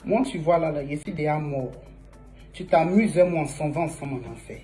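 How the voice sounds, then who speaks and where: A young man putting on a low, menacing mutter as an enraged version of himself hissing threats. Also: moderate pace, dark tone, faint music behind, natural voice.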